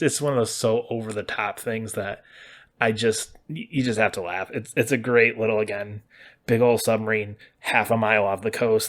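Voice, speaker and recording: A man talking casually through a story's best moments, now and then slipping into quick put-on voices for the characters. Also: fairly low pitch. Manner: chatty, acts out characters' lines in quick voices. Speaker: gaming channel host. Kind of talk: casual spoiler discussion.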